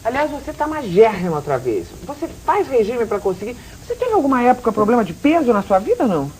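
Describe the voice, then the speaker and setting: A woman's voice: on the high side, sing-song, quick pace, darkish tone, slight background noise, rough recording. A Brazilian woman hosting a talk show, asking probing follow-up questions one after another. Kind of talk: interview questions.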